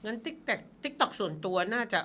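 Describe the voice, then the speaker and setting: A woman's voice: a little high, lively intonation, unhurried, sharp tone, slightly rough. A woman hosting a radio talk show, chatting casually and answering her guest with short backchannel sounds. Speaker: radio host.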